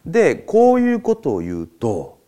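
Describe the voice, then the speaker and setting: A man's voice: a little high, huge pitch swings, a little slow, mellow. A man hosting a casual solo talk, telling stories in a chatty way and laughing often between points. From Japan. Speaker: host.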